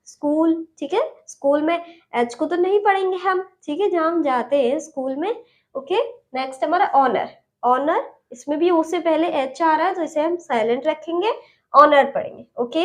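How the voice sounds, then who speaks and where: A woman teaching an English lesson online, patiently repeating each word and closing every point with "okay". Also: high voice.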